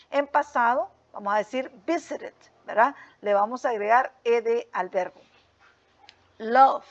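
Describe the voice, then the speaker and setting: A woman teacher with a somewhat high voice explains grammar rules patiently, checking often that the students follow. The recording sounds dull and lo-fi. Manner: patient, repeats with frequent "¿verdad?" and "¿ok?" checks. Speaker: English teacher. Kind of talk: explaining a lesson step by step.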